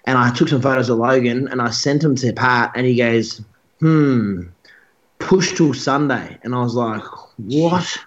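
A man's voice: medium pitch, little pitch movement, brisk, hardly any pauses, a bit bright. Rambling young man, lo-fi. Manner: rambling, frequent restarts and "like". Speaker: guest bodybuilder. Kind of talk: casual interview storytelling.

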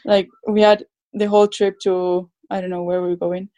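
A woman's voice: medium pitch, flat delivery, normal speed, mellow. A woman from the Basque Country speaking English with a Basque Spanish accent, answering casually as a footballer in an interview. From Basque Country, Spain. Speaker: professional footballer being interviewed.

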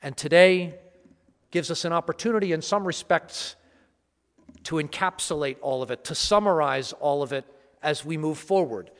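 A man speaking as a priest at Mass in a solemn, measured, phrase-by-phrase way, his voice echoing through a large church. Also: on the high side. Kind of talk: liturgical reading and homily. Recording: cathedral-like echo, long hall reverb.

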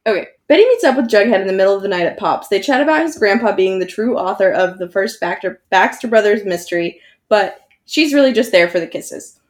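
A woman's voice: mid-range voice, lively intonation, a little fast. A woman co-hosting a podcast, recapping a TV episode in casual chat with wry asides and frequent laughter. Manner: laughs through her own summaries, wry asides.

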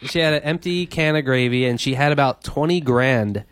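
A man's voice: mid-range voice, moderate pace, a loud crowd. A man co-hosting a morning radio show, telling a joking story in a rambling way with fillers. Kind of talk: casual comedic radio banter.

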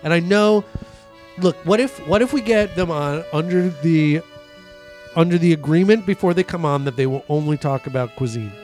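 A man's voice: on the high side, normal speed, a little mellow. A man co-hosting a podcast in casual, rambling, jokey chat, with music under it. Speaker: podcast co-host.

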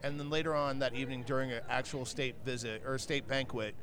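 A man's voice: mid-range voice, fairly even intonation, fast, a crowd in the background. A man telling an anecdote with enthusiasm in casual comedy podcast banter. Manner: enthusiastic storyteller.

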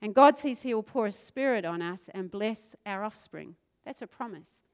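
Her medium-pitched voice has lively intonation and a moderate pace, recorded cleanly. Preaching with a New Zealand accent, she draws the crowd in with questions and casual asides and climbs toward passionate, intensifying passages.

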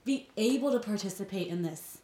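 A young woman co-hosting a chatty podcast, laughing easily and keeping things playful. Her voice sits in a middle register and carries a clear echo from the room around her. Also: medium pitch, lively intonation, a little fast, dark tone. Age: young adult. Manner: giggly, playful. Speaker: podcast co-host. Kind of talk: casual chat.

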